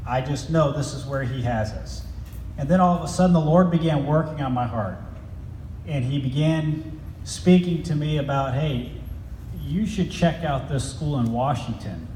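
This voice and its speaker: A man's voice: medium pitch, darkish tone. A middle-aged man gives a chatty chapel talk to students, joking and quizzing the crowd. His voice carries through a large, echoey hall with a long reverb tail. A faint hiss sits under it. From grew up in Italy and Germany. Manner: chatty, jokey, asks the kids questions. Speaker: school head speaking at chapel. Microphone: handheld microphone.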